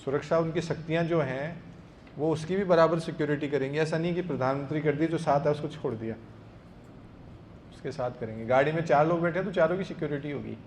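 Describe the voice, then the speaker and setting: A man's voice: on the high side, fast talker, a little mellow, slight background noise. A man giving a devotional discourse, telling a scripture story and acting out the characters' lines. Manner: storytelling, acts out dialogue. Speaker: preacher.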